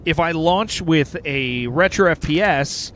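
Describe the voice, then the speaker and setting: Man, game streamer, casual rambling chat, fillers and "dude", slightly high voice, faint background noise. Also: unhurried, a bit bright. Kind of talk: casual live-stream commentary while gaming.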